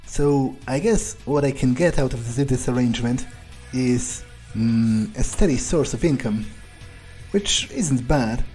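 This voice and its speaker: Over faint background music, a game streamer voices a mellow, cold, cynical vampire who is casually murderous, musing aloud in a nonchalant, hesitant manner as he plays. His natural, mid-range voice is animated yet a little slow, and his in-character monologue carries a cynical mood.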